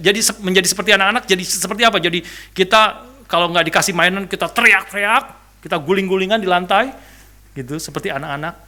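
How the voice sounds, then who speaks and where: A man delivers a lively church sermon in a notably bright, forceful voice that sits somewhat high. He repeats key phrases, tags lines with "ya", and throws rhetorical questions at the congregation with touches of humor. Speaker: pastor.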